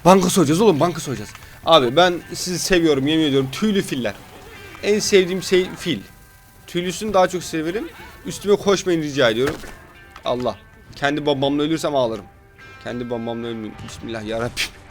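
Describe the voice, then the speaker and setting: A man's voice: a little high, fast talker, faint music behind. A sleep-deprived man giving casual, playful gameplay commentary as a gaming YouTuber, joking with his viewers.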